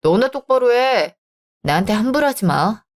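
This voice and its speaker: A woman narrating and voicing the wife in a radio drama, talking sharp and sarcastic. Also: on the high side, lively intonation, normal speed.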